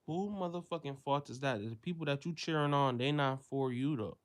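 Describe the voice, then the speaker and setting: Here an American man speaks at a moderate pace in an improvised, profanity-laden commentary rant. Quiet, low passages give way to loud, high-pitched bursts whenever he mocks someone.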